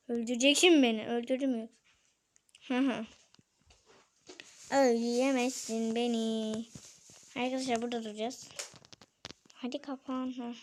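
Young female gaming vlogger, high-pitched, chatty and excitable. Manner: chatty, addresses viewers, exclaims and frets aloud. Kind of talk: casual game commentary.

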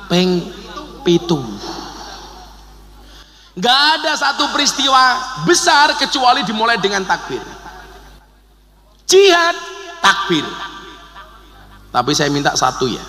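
A man with a Javanese accent preaching a lively, joking sermon, swinging between soft and loud. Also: sits high, unhurried, pauses often. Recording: echoey hall.

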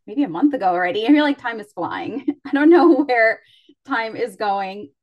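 This podcast host is a woman with a fairly high voice and lively intonation, speaking at normal speed over dull-sounding audio. She interviews her guest casually, full of filler words and self-deprecating jokes.

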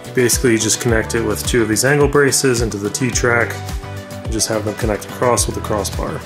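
With music playing clearly behind him, a DIY builder in his thirties talks fairly quickly in a low-ish voice while explaining his project step by step. His narration is casual and practical, full of "uh" fillers and self-corrections.

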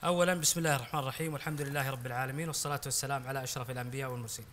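A man's voice: mid-range voice, fairly even intonation, rapid-fire, fairly bright tone, a little hiss or hum. A man with a Saudi Gulf Arabic accent who hosts a gathering and chats casually with effusive, courteous greetings. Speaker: host of a gathering show. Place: large indoor lounge with people around. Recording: busy room with crowd chatter.

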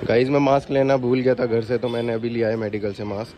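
A man's voice: medium pitch, steady tone, quick pace, background noise. A young man filming a casual home vlog, chatting to the camera and cooing baby talk to his pet parrots. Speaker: vlogger.

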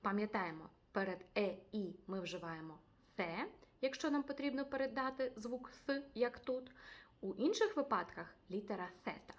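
Lively woman teaching Spanish. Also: medium pitch. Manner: speaks slowly and repeats each Spanish word twice; animated, addresses viewers directly. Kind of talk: language lesson.

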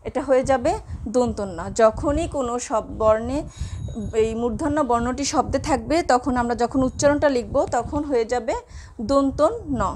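A woman Bengali teacher giving a pronunciation lesson, speaking slowly and repeating each example for her students. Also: high voice, darkish tone.

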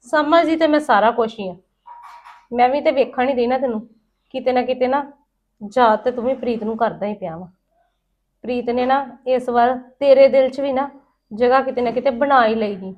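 A woman acting as an aunt in a scripted family drama, scolding and emotional, her voice rising loud when upset. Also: a little high.

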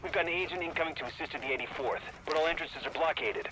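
A man's voice: on the high side, very fast, noisy background. An actor playing a male mission commander giving clipped orders over a radio. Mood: commanding.

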